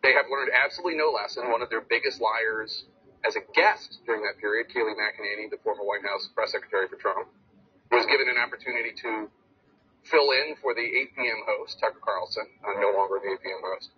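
A man anchoring a cable news show, speaking in a brisk, emphatic way. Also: fairly low pitch. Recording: muffled TV audio with hiss.

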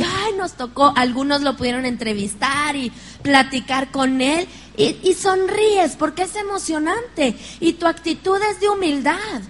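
Mexican lady preaching in church, high voice, lively storytelling, laughs a lot. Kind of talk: sermon.

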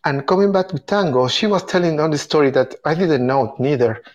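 Hosting a casual group video chat on tango, this Argentinian event organizer speaks English as a second language, Spanish being his first, with an Argentinian accent. He is enthusiastic and expressive, with a fairly high pitch, though his phrasing halts and restarts.

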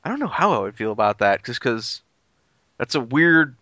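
A man's voice: mid-range voice, very animated, normal speed, pushed and bright, no room sound, muffled recording. A man as a guest on a casual podcast chat, blunt and swearing freely.

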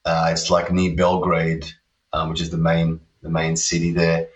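Deep-voiced Australian man, roomy distant sound. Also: monotone, unhurried, muffled recording. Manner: rambling, laid-back, many fillers. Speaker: guest guitarist. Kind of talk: casual storytelling interview.

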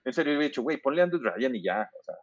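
A man's voice: medium pitch, animated, racing, dull audio. A man with a Mexican accent, rambling and swearing freely as he chats casually about video games. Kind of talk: casual chat.

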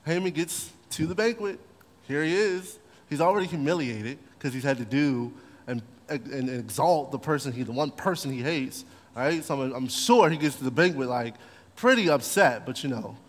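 A man preaching a sermon as pastor, retelling a story in an animated way and acting out the characters. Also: mid-range voice, normal speed. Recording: long hall reverb.

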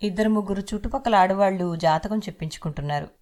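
A woman narrating an audio novel in a steady, literary storytelling manner. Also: medium pitch, quick pace.

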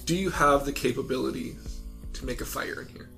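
A man improvising narration as a game master, informal and a little halting. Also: mid-range voice, gravelly, bright, forceful tone, soft background music.

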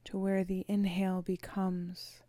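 A woman leading a guided meditation, speaking slowly and softly, often dropping into a whisper. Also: mid-range voice, monotone, no room sound. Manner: slow, soft and soothing, often whispered.

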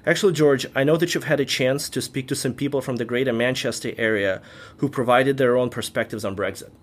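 A man co-hosting a podcast, reading prepared political analysis in an even way. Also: mid-range voice, quick pace. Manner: reads prepared points evenly. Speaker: podcast co-host. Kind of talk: scripted news analysis.

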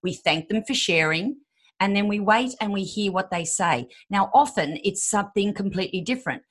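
A woman's voice: medium pitch, animated, normal speed. A woman in her fifties, a podcast guest giving relationship advice and acting out quoted voices. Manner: acts out quoted voices, emphatic.

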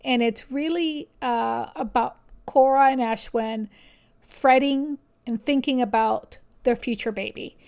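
Higher-voiced woman chatting on a podcast. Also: a little slow, creaky, a little mellow, clean tone. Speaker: podcast co-host. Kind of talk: casual book discussion podcast.

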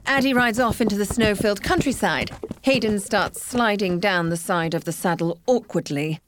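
A woman's voice: medium pitch, moderate pace, background noise. A woman giving scripted narration of a story in a playful storytelling manner.

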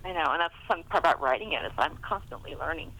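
A middle-aged woman, interviewed as a guest author, chats casually about writing in a low voice at a very fast pace. Her storytelling is chatty and animated, and the low-quality recording carries a little hiss or hum.

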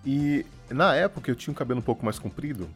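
A man in the middle of an easygoing podcast chat, telling an anecdote with lively energy and frequent laughter. His pitch sits in a plain middle range. Soft music plays faintly underneath. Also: quick pace. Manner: animated storyteller, laughs often. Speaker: podcast co-host. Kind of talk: casual storytelling chat.

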